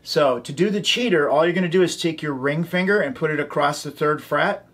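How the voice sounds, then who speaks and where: A man's voice: fairly high pitch, fairly quick, fairly bright tone. A man teaching a ukulele tutorial, calling out chords and strums and chanting rhythm syllables. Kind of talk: instructional tutorial. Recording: ukulele playing behind the voice.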